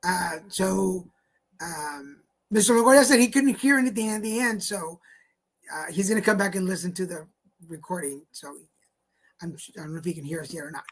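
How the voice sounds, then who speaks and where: A man's voice: sits high, normal speed, breathy edge. A man co-hosting a live online show, chatting casually and rambling with fillers while wrapping up announcements. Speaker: co-host. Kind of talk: casual live-stream chat.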